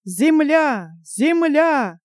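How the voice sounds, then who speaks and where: Giant hero-prince, commanding, rallying, voiced by a woman reader, high, close. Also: very animated, extremely slow, no room sound, exaggerated voice. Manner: loud, rallying calls.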